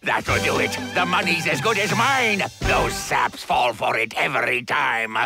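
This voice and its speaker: An actor voicing Wario, a greedy, boastful male schemer in a video game, brash and gravelly, over loud game music. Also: on the high side, unhurried. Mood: scheming. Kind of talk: video game cutscene voice acting.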